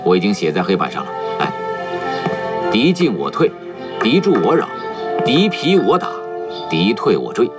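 An actor playing a military instructor in a war drama, lecturing officers on tactics in a measured, didactic, emphatic way. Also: male voice, on the low side, huge pitch swings. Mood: measured, instructive. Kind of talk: television period war drama, classroom lecture. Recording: loud background music.

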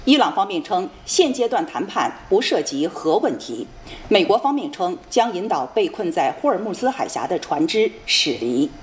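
Formal female news anchor, lively intonation. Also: on the low side, normal speed. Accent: standard mainland Chinese Mandarin. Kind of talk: formal scripted news reading.

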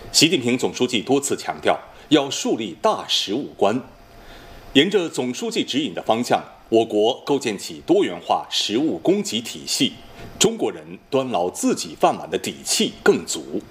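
A man reading scripted news as a formal television anchor in standard mainland Chinese Mandarin, with a measured announcer delivery. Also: medium pitch, big pitch swings.

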